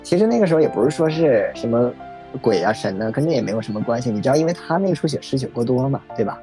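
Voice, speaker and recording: A man in his thirties telling a personal story in a reflective, halting way, with many fillers. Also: medium pitch, big pitch swings. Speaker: podcast guest sharing a personal story. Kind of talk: emotional first-person storytelling. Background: faint background music.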